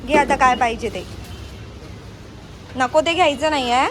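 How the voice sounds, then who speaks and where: Unhurried and high-voiced, a young mother vlogs on her phone as she shops, coaxing her small child one moment and scolding the next. The setting moves from a busy outdoor market to a shop, and the background is noisy.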